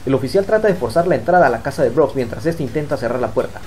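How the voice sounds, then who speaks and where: Fast, mellow male news narrator. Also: mid-range voice. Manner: brisk, even news delivery. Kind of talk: scripted news voice-over. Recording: studio voice-over with faint music.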